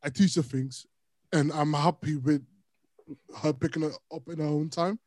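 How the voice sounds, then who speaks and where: A man's voice: fairly high pitch, moderate pace, dry recording. A young man co-hosting a podcast, telling stories in casual chat and laughing often. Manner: animated storyteller, laughs often. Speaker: podcast co-host.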